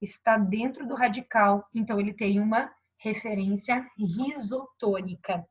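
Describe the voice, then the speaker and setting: A woman teacher gives a grammar lesson on verbs at a measured pace, pointing to examples on a board and often checking in with her students. Her mid-range voice has a breathy edge, captured in a dull lo-fi recording.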